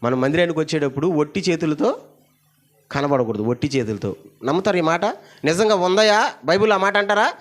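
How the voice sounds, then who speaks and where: A male pastor giving a sermon in a church, calling the congregation to repeat his words and to shout them louder. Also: lively intonation, fairly quick. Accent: Telugu. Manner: calls the congregation to repeat and shout, pitch climbing loud. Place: church hall.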